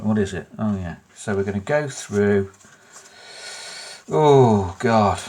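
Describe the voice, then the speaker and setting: A man presenting a card trick tutorial in an informal, chatty way, with self-deprecating muttered asides to himself. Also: lowish voice.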